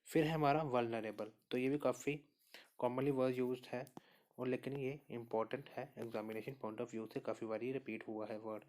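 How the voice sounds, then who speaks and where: A man's voice: mid-range voice, brisk, a little hiss or hum. Man steadily explaining quiz answers. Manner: steady explainer, repeats answers and says "okay" often. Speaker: exam prep teacher. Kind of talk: spoken lesson walking through quiz answers.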